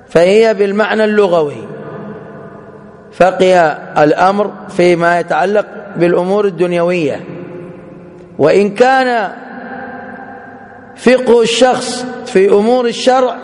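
A man teaching a religious lesson in a measured, explanatory way, spelling out each point with care. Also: high voice, darkish tone, long reverb tail. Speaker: Islamic teacher.

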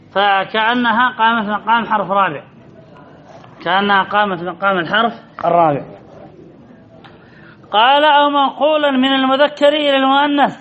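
A man's voice: very high voice, pushed and bright. A man teaching Arabic grammar from a classical text, reading passages aloud and quizzing his students, then repeating their answers. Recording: slightly dull, faint background noise.

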